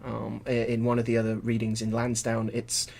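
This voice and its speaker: A man's voice: medium pitch, completely flat delivery, normal speed, gravelly, darkish tone. A man co-hosting a casual scholarly chat, wordy and digressive, with frequent restarts and dry wordplay. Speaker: podcast co-host.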